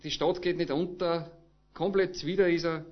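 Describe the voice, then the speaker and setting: Austrian man preaching, lively and dull-toned. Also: fairly high pitch, moderate pace. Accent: Austrian German. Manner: lively storytelling, acting out dialogue, casual dialect words. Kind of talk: sermon.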